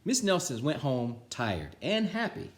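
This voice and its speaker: Reading a children's storybook aloud with animation, this man uses a mid-range voice whose pitch swoops wildly, though his pace stays measured. He chats casually with viewers and signs off from indoors at home, where the audio carries a roomy echo.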